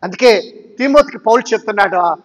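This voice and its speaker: A male pastor with a strikingly high voice preaches in a church hall, the sound ringing with a long reverb. He presses his points with emphatic rhetorical questions aimed at the congregation. His delivery is urging, in full sermon mode. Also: lively intonation, brisk, muffled recording.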